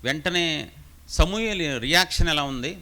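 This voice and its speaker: A man's voice: fairly high pitch, animated, measured pace, sharp tone. A male pastor, preaching a live sermon at a church meeting. He stresses points with rhetorical questions and repeated phrases.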